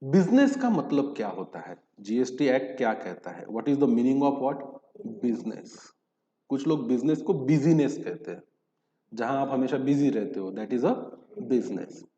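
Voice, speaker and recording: A man's voice: mid-range voice, big pitch swings, unhurried, dark tone. A man giving a recorded lecture, explaining terms by asking questions and answering them himself, reading English legal text between spoken Hindi. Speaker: teacher. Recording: dull echoey hall recording.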